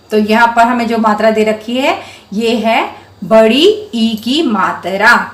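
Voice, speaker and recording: A woman teacher with a fairly high voice speaks slowly to small children. She stretches each syllable as she sounds out words. The room around her is echoey. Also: bright, forceful tone. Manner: patient and encouraging. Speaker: primary school Hindi teacher. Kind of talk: slow, clear teaching to young children.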